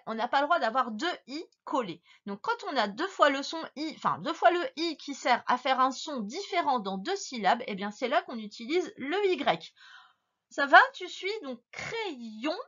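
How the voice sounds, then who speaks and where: A woman teacher giving a slow dictation lesson to a young child, patiently stretching words and spelling them out letter by letter. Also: fairly high pitch, a bit bright, dull audio.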